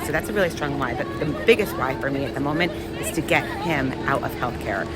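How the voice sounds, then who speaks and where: Woman vlogger, upbeat motivational delivery into a phone, outdoors, with clear traffic and ambient noise behind her. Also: deep voice. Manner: upbeat, enthusiastic, laughs often. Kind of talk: motivational vlog while hiking. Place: outdoors on a mountain trail.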